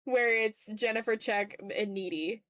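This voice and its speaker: Drawing live on stream, a woman with a somewhat high, slightly bright voice talks at a measured pace, rambling informally, cursing a bit, poking fun at herself, and reading viewer comments aloud. The audio is clean studio sound without room reverb.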